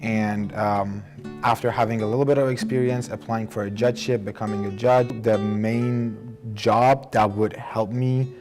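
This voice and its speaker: Soft background music accompanies a young adult Iranian man speaking about his life in a reflective documentary interview. His Persian-accented voice sits lowish, steady and a little mellow, and he speaks earnestly, sometimes restarting his sentences.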